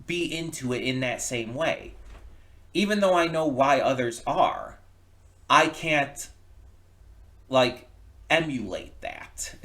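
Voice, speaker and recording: Speaking off the cuff after watching something, a man gives reaction commentary in a mid-range voice that's a bit bright. His delivery is halting and thoughtful, with frequent repeated words, as he works through his ideas out loud.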